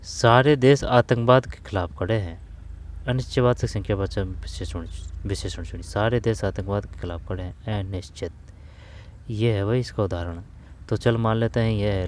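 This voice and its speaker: A man's voice: lowish voice, slight background noise. A man going through grammar exam questions in a casual spoken lesson, repeating phrases as he thinks aloud. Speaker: exam-prep grammar teacher.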